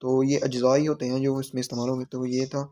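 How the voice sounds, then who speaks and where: A man's voice: mid-range voice, completely flat delivery, fast, dark tone. A man teaching a language lesson, patiently explaining exam questions and repeating phrases and word meanings.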